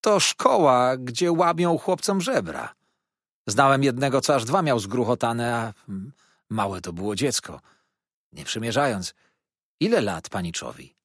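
A man voicing a loud, teasing young waiter. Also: mid-range voice, sing-song, a little slow, no echo, clean studio sound, full character voice. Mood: gloomy, ominous. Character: chatty, boastful young male inn waiter. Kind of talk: audiobook character voice.

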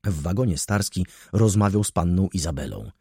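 A man reading a novel aloud as an audiobook narrator, with an expressive, lively delivery. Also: low-pitched, a little fast, slightly rough, no room sound, studio quality. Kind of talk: scripted narration.

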